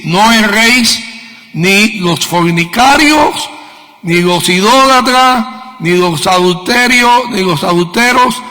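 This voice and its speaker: This is a middle-aged Cuban man giving a sermon in Cuban-accented Spanish, his high-pitched, sharp voice ringing through the long reverb of a church meeting hall. He teaches with emphasis, asking questions and hammering on repeated key words.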